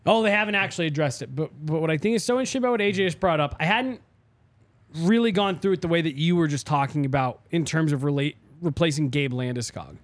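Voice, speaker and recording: Very quick-talking man in podcast chat. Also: a little high. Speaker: sports podcast host. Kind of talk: casual chat.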